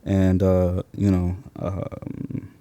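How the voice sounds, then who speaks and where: A Somali-born man in his thirties who lives in Seattle talks as an interview guest, thoughtful and casual with slangy phrasing. His deep, warm voice is monotone and very slow, recorded dry.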